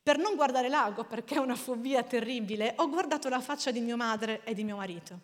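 High-voiced woman preaching in a hall. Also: a little fast. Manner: animated, storytelling, laughs often. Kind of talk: sermon. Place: church hall. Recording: long hall reverb.

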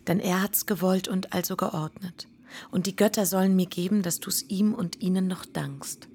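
An actress playing a tender, devoted young bride in a radio drama, speaking softly and half-whispered. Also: female voice, on the low side, steady tone, normal speed, slight background noise, lightly acted.

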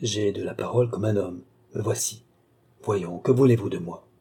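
A man voicing a vain, imperious young countess in an audiobook, brisk and teasing. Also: fairly low pitch, vocal fry, warm tone, husky, full character voice. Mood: hushed.

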